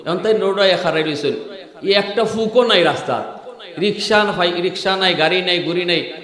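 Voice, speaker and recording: A male preacher with a Sylheti-flavoured Bengali accent, his fairly high voice swinging between easy storytelling and ringing, sung-out peaks. The sound booms through a large hall with a long, rolling echo. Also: a little fast. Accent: Sylheti-influenced Bengali. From Bangladesh. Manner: storytelling, rising into loud chanting peaks. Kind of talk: sermon. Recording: echoey hall with long reverb.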